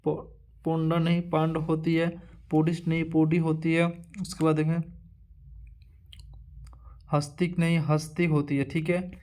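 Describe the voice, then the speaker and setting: A man teaching an exam-prep lesson, going through a word list one entry at a time. His voice sits a bit high and stays flat, barely rising or falling. He drills each item with the same pattern and often stops to restart a word. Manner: repetitive drilling, halting restarts.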